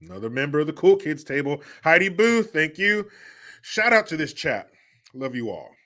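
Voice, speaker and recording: A man's voice: fairly high pitch, sing-song, normal speed, bright, forceful tone. A man hosting a casual live stream, bantering loosely with viewers and swearing freely. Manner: laid-back, profane banter.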